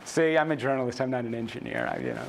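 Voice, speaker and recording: A man's voice: mid-range voice, fast, vocal fry, a little hiss or hum. A man, a journalist and author, giving a casual conference talk on a stage, chatty and self-deprecating, with many fillers and restarts. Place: conference stage before an audience.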